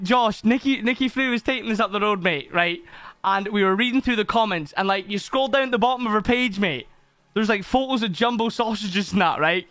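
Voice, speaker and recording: A man's voice: very high voice, sharp tone, no room sound. A man chatting casually to his viewers on a live stream, swearing often and greeting people by name.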